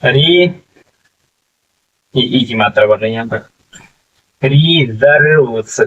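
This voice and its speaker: A man's voice: on the low side, level tone, racing, fairly bright tone, distant mic, lo-fi sound. A man teaching English reading to learners, spelling words out letter by letter and often checking in with "ठीक है". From India. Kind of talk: slow spelling-out classroom lesson.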